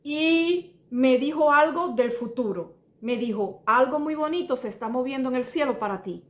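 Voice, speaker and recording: Earnest Cuban woman testifying, roomy sound. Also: sits high. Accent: Cuban Spanish. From Cuba. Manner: earnest, rambling, restarts and repeats details, addresses listener as brother. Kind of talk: personal testimony. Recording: roomy echo.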